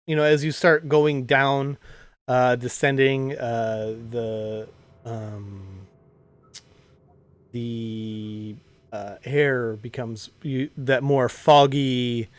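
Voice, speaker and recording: A man's voice: medium pitch, steady tone, drawn-out words. A man narrating as dungeon master of a tabletop game, rambling with restarts and fillers.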